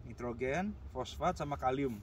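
A man in his thirties, a farm owner, explaining fertilizing in a lively, repetitive way, standing outdoors on a sunny field, recorded by a camera mic a few steps away. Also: mid-range voice, moderate pace. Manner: animated, gestures while explaining, repeats key numbers. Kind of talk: casual on-site explanation. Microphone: camera-mounted mic from a few steps away. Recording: distant outdoor mic with light background noise.

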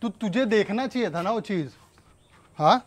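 A man's voice: high voice, lively intonation, moderate pace. A man staging an angry argument at home, scolding and threatening someone. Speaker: prankster husband.

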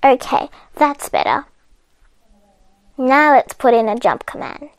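A woman's voice: sits high, big pitch swings, slow, no room sound. A woman walking viewers through a coding puzzle game step by step, chatty and patient, laughing off her own mistakes. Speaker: coding tutorial host. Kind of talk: step-by-step game walkthrough narration.

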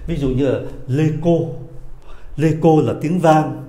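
A man teaching a pronunciation lesson, stretching out model words slowly between quicker explanations. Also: on the high side, dark tone, roomy sound. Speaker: French teacher.

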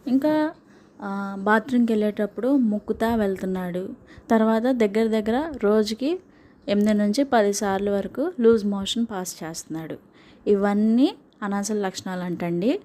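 A woman's voice: medium pitch, moderate pace, mellow. A young woman, a mother, talking casually and earnestly to viewers, reassuring them and listing newborn-care tips one by one. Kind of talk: casual spoken vlog advice.

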